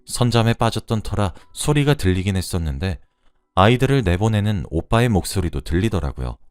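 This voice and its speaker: A man narrating a true-story radio drama in an expressive, confiding way. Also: low-pitched, no room sound.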